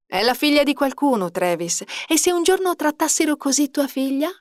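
A woman's voice: sits high, very animated, normal speed, no room sound, pitched above the performer's own voice. Female reader voicing an indignant young woman, reproachful, dry close mic. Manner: reproachful, confronting.

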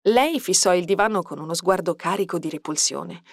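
A woman narrating an audiobook with a lively, expressive reading. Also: fairly low pitch, fairly quick, no room sound, clean studio sound. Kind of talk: scripted narration.

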